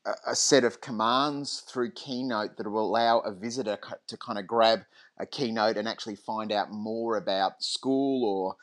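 A man talking through a screen-recorded teaching tutorial in a relaxed, rambling way. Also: on the low side, normal speed. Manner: relaxed, lots of ums and restarts.

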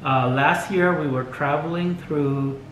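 Here the older vlogger's voice is slightly high and somewhat bright as he casually discusses his RV road trip plans from the dining room table. He speaks slowly, offers strong opinions, and chuckles now and then. Recorded by a fixed camera across the table, the low-quality audio sounds roomy with slight background noise.

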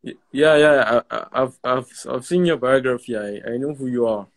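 A man's voice: mid-range voice, moderate pace. A young man calling in over a phone video call, speaking politely and formally. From Nigeria. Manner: polite, formal, repeats his thanks. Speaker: caller. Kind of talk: casual video call chat.

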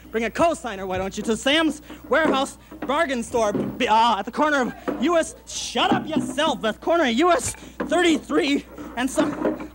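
A young man with a strikingly high voice hawks bargain furniture like a frantic local TV pitchman. He pushes hard, sometimes shouting prices and sometimes tripping over his own words in a flustered way. He speaks into a handheld mic on a 1960s studio set. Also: background noise. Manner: hard-selling, bursts into shouts, stumbles and flusters. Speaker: TV pitchman in a sketch. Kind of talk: parody local TV furniture commercial. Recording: 1960s TV broadcast.

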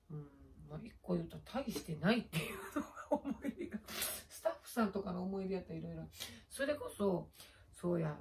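A middle-aged woman with a Kansai accent talks in a slightly low voice. She rambles through late-night stories and laughs at herself while fiddling with a face pack. A faint hiss sits under her voice. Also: creaky, a little mellow. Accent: Kansai Japanese. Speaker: YouTuber. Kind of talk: casual late-night chat.

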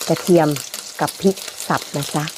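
A woman chattily narrating a casual cooking vlog as a home cook, using soft, friendly sentence endings. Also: normal speed, noisy background. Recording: loud frying sizzle over the voice. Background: sizzling pan and stirring.

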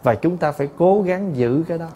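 Storytelling monk. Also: male voice, fairly high pitch, brisk, breathy edge. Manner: lively storytelling, chatty. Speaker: Buddhist monk. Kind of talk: dharma talk.

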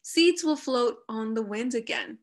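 Gentle, curious storybook squirrel, voiced by a woman, slow and slightly high. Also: lively intonation. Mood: comforting. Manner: inquisitive and comforting. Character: curious, kind young red squirrel.

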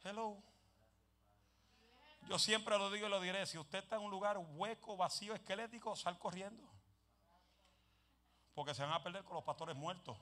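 A man preaching a lively Pentecostal sermon, telling stories and mixing in English phrases, dropping to soft asides and rising to shouts. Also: sits high, moderate pace, long pauses. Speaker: evangelist preacher.

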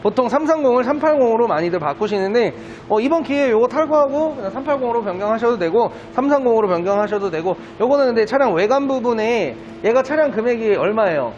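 A man speaking as a used car dealer, giving a polite, persuasive sales pitch in a walkaround of a car. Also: animated, quick pace, a little mellow. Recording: dull lo-fi sound, faint background noise.

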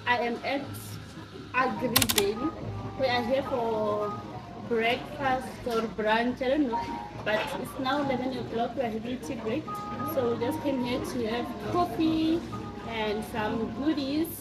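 A woman's voice: a little high, measured pace, loud music behind the voice, rough recording. A woman vlogging casually from restaurants, chatty and laughing often as she rates her food. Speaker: vlogger and lawyer. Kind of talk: casual vlog chat. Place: restaurants and cafes.

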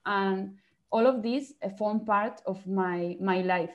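A woman's voice: medium pitch, takes it slowly, dull audio. A woman from China who grew up in Spain, speaking as a panelist on a video call, searching for words in English. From born in China, grew up in Spain.

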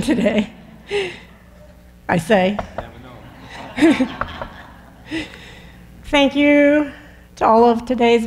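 A somewhat high-voiced woman leads a chapel service, welcoming the congregation and running through the announcements. She talks in a friendly, chatty way, breaking into light laughs and easing along with fillers. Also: rough recording. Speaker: lay leader giving announcements. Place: chapel sanctuary.

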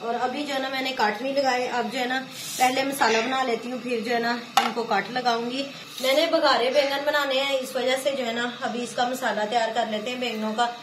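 Speaking a little high and fairly quickly in a steady tone, a woman from Pakistan walks viewers through her home cooking step by step, her Pakistani Urdu accent and frequent "jo hai na" giving it a homely feel. This village vlogger sits on a floor mat in a small home room; the recording echoes and carries clear background noise.

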